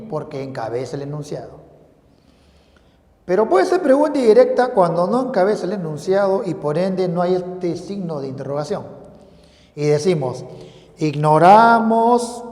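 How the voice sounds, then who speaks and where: A man's voice: a little high, warm tone. A man teaching a grammar lesson. He poses his students' questions himself, then answers them, and repeats the key phrases. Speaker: language teacher. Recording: roomy hall reverb.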